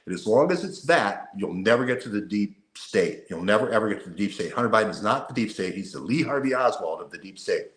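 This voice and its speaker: A man's voice: lowish voice, animated, fast talker, few pauses, a bit bright. A man talking on a talk show, emphatic and fond of repeating his points for effect. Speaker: guest. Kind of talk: conversational talk-show commentary. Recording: roomy echoey sound.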